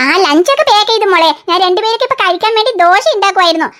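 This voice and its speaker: A woman's voice: very high voice, racing, full character voice. A woman doing a soothing cartoon mom. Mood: calming. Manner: calming, gently scolding. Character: soothing cartoon mother of three girls. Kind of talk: cartoon voice acting.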